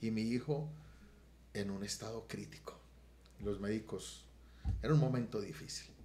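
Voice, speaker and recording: A middle-aged man, a pastor giving an earnest testimony on a podcast that swells loud and emotional. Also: on the low side, normal speed, echoey room, slight background noise. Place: podcast studio room.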